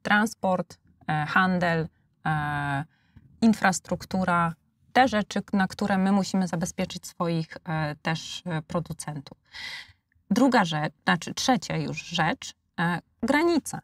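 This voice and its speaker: A woman's voice: on the low side, slow, dry recording. A woman in her forties with a Polish accent, a debate guest who speaks hesitantly with many fillers and restarts, on a lapel mic in a studio. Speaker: debate guest, international relations expert. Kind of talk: panel debate. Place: studio with blue backdrop.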